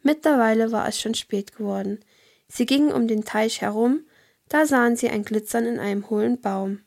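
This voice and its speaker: A woman's voice: fairly high pitch, moderate pace, vocal fry, a little mellow. Woman narrating a children's tale. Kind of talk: scripted children's story narration.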